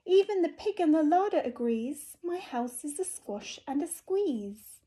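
A woman's voice: high voice, animated, measured pace, warm tone, pitched above the performer's own voice. A woman voicing a fussy, grumbling little old lady from a picture book, pleading and exclaiming. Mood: fretful pleading.

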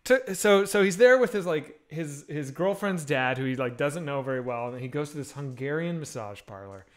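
With a fairly high pitch and a normal speaking speed, a man in his thirties hosts an easygoing video-call chat. He's a podcast host on a headset mic in a bookshelf-lined home room, animatedly telling crude stories.

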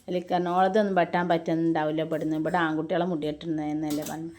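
A woman with a Malabar Malayalam accent narrates a family vlog in a quick, chatty voice-over. Her voice is lowish and stays flat in pitch. The home recording is noisy, with children playing nearby. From Malappuram, Kerala. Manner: chatty, warm tag words at line ends. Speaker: family vlogger, mother. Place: indoor room, recorded apart from the filmed scenes.

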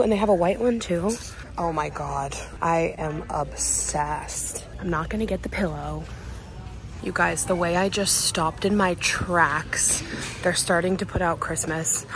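Young woman vlogger, lower voice, gushing shop-with-me chatter, phone held at arm's length, clear store hum behind. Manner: gushing, excitable, talks straight to viewers. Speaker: lifestyle vlogger. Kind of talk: casual shop-with-me vlog. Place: large retail store, indoors. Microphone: handheld phone at arm's length. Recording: in-store background ambience.

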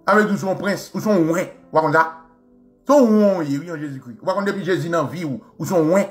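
A man with a Haitian Creole accent holds forth in a heated, mocking rant, repeating his phrases again and again. His voice sits fairly high for a man and jumps between loud bursts and low muttered asides. Soft music plays faintly behind him. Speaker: radio show host. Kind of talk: impassioned monologue rant.

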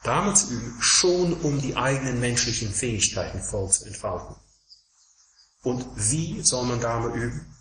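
A man's voice: medium pitch, animated, normal speed, a bit bright. A man giving a Buddhist dharma talk as a teacher, counting off his points and hammering home contrasts through repetition. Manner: emphatic, rhetorical repetition of contrasts. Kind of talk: lecture-style dharma talk. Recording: roomy echo, faint background noise.

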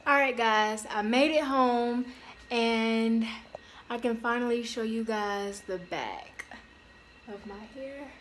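Slow, chatty woman vlogging. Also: on the high side. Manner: chatty, talks straight to viewers. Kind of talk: casual vlog chat. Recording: noisy background hiss.

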